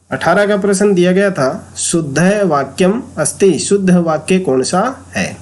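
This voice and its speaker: A man with a Hindi accent teaching an exam-prep Sanskrit grammar lesson, explaining slowly and repeating key terms. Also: high voice, darkish tone.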